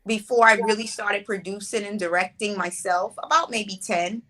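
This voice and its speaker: This woman, a playwright-director in her forties, speaks at normal speed with a medium-pitched voice. Answering interview questions, she sounds easygoing, reflective and conversational.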